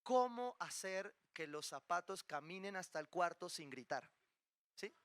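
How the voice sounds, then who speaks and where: A male pastor preaching a sermon in a lively way, often checking in with the congregation through quick rhetorical questions and playful asides. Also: sits high, no echo, studio quality. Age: adult, married with children.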